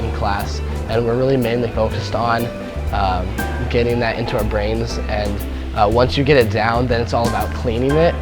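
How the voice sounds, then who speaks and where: A teenage boy in a high school show choir, answering interview questions casually with plenty of ums and uhs. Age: teens. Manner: relaxed, with many ums and uhs. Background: music.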